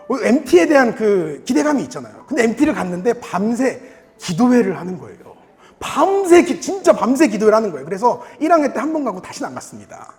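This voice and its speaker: Young man, pastor, animated sermon storytelling, very expressive pitch, long church reverb. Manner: animated storytelling, acting out his younger self, laughing. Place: church sanctuary.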